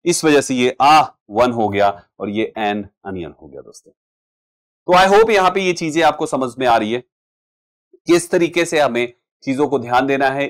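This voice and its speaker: Man teaching English grammar. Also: medium pitch. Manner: explains patiently, repeats words, calls students "friends" and "dear children". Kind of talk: exam-prep English lesson.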